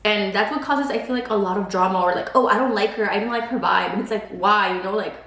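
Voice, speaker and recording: A pregnant beauty vlogger in her twenties, whose first language is Spanish, chats casually while eating and says "like" a lot. She speaks fast at a medium pitch with a fairly bright tone, and the recording is reverberant.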